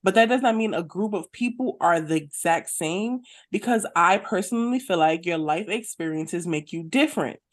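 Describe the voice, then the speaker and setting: On the low side and animated, this woman's voice moves at a moderate pace with barely any pauses. She's co-hosting a podcast, bantering in a slangy, conversational way and sprinkling in questions to make sure listeners are keeping up.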